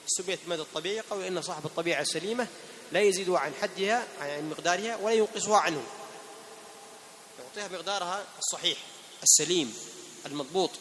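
A man teaching tajweed to a class, patiently asking his students questions and slowly demonstrating the pronunciation of words. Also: sits high, fairly bright tone, big-room sound, a little hiss or hum. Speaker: Quran recitation teacher.

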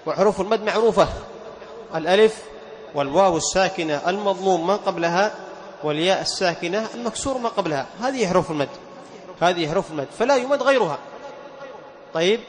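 A man with a high-pitched voice teaches the rules of Quran recitation to a class. He explains patiently, restates each point and throws rhetorical questions to his listeners. His voice rings out with a long reverb, as in a large hall. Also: animated, quick pace, pauses often. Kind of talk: classroom lesson on tajweed.

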